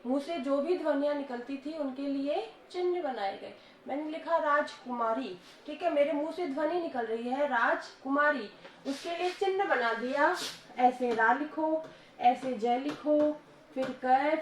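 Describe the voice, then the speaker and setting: Woman teacher, high voice, classroom lesson; scolds and prods a silent class, echoey room. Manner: scolding, coaxing a quiet class to answer. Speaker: school Hindi teacher. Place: school classroom. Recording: echoey classroom with faint noise.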